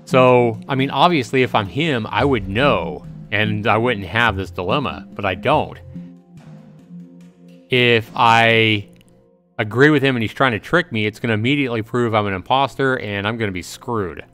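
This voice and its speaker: Over soft background music, a man with a mid-range, fairly bright voice talks at normal speed. He hosts a livestream of a visual novel, narrating his thoughts aloud, repeating himself, and speaking casually to viewers in chat.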